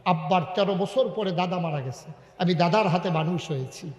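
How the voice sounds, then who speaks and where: A man preaching a sermon, emotional and rising to loud sung-out calls. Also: sits high, moderate pace. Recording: echoey hall with long reverb.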